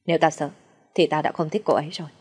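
A woman voicing a calm young gentleman who answers curtly and drily. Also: low voice, fast, slightly rough. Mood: calm dry. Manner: curt, dry.

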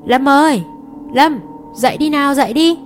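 A woman's voice: high voice, normal speed, faint music behind, voice pushed up, lightly acted. A woman doing an urgent older brother. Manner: urgent, pressing. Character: urgent older brother rousing his siblings.

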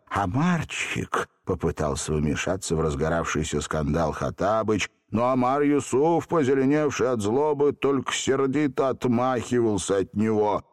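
Expressive male audiobook narrator. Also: on the low side. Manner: lively, expressive reading. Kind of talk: scripted narration.

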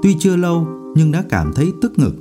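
A man narrating a novel as an audiobook in an expressive storytelling manner. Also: a little high, brisk, music in the background.

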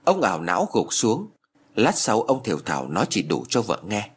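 Husky, expressive storyteller. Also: male voice, on the low side, normal speed. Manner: expressive, suspenseful narration. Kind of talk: dramatic story narration.

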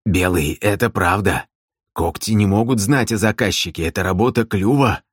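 A man voicing a timid young bard who speaks hesitantly in a rasping voice, as an audiobook character. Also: lowish voice, moderate pace, a little mellow, no room sound, clean studio sound. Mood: pleading.

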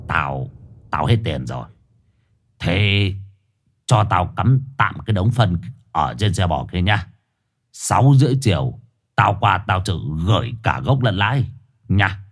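A man plays a grumpy old cart driver in a spoken ghost story, his voice pushed deep and quiet. He mumbles sullenly, sounding broke and sore. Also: sing-song, a little slow, pauses often, exaggerated voice. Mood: sulky.

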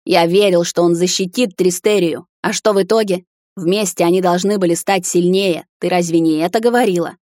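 A woman's voice: fairly low pitch, fairly even intonation, brisk, no room sound, clean studio sound, lightly acted. A woman voicing a desperate middle-aged king who pleads, rages and breaks down in an audiobook. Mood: bitter, anguished. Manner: pleading then shouting, raw and broken. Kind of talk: audiobook character reading.

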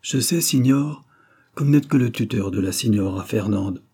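A man's voice: lowish voice, moderate pace, mellow, breathy edge. A man voicing a hard, unfeeling middle-aged sea captain who speaks bluntly and matter-of-factly in a storybook reading. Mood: sly.

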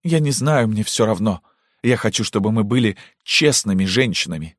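A man's voice: fairly low pitch, lively intonation, moderate pace, dry recording, clean studio sound, voice pushed up. A man voicing a tearful young girl who pleads dramatically with her mother, in an audiobook. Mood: defiant.

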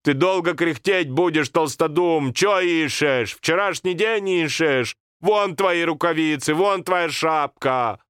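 A man voicing a fussy, scolding old village grandmother in a storybook reading, with drawn-out country speech. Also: fairly high pitch, a bit bright, clean tone, no echo, studio quality, voice pushed up. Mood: fretful scolding.

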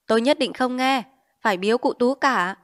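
A stubborn, learned village elder argues and cries out, as a woman reader puts him on. His voice rises fairly high and sharp. It comes from a narrated novel. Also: moderate pace, natural voice. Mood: stubborn arguing. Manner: argumentative, shrill when angry.

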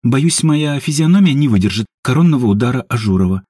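A man voicing a calm, wry young man with an unruffled manner. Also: mid-range voice, fairly quick, slightly rough, no room sound, clean studio sound, pitched above the performer's own voice.

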